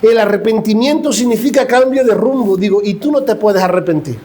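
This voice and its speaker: Middle-aged Andalusian evangelical pastor, high-pitched man, impassioned sermon that acts out scenes and questions the pews. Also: brisk, darkish tone. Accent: Andalusian Spanish. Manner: impassioned preaching, acts out dialogue, asks the congregation questions. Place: church.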